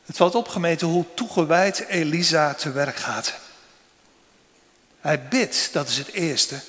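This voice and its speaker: A man preaching a sermon to a congregation, slow and solemn, with long pauses between phrases. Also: high-pitched, a bit bright. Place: church. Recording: long church reverb.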